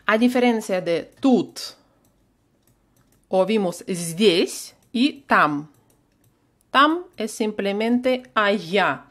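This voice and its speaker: A woman's voice: medium pitch, lively intonation, very slow, pauses often, a bit bright. A woman with a Russian accent, a native Russian speaker, teaching a live online language lesson and patiently repeating phrases for learners to copy.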